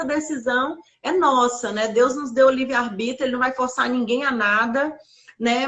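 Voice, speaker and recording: A woman with a high voice tells a personal faith testimony. She speaks earnestly, leaning on fillers as she goes. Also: fairly bright tone. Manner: earnest, many fillers like "assim" and "né". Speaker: guest sharing her testimony.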